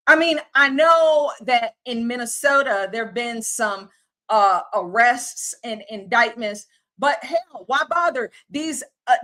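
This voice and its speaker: A woman's voice: a little high, bright, forceful tone. A woman, hosting a livestream and ranting in an exasperated, casual, slangy way. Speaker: livestream host.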